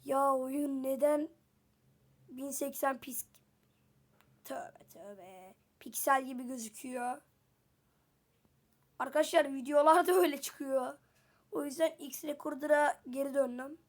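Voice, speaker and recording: A woman's voice: high-pitched, steady tone, unhurried, pauses often. A woman giving casual gameplay commentary to her viewers, chatty and full of exclamations, getting flustered when danger appears. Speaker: gameplay video creator.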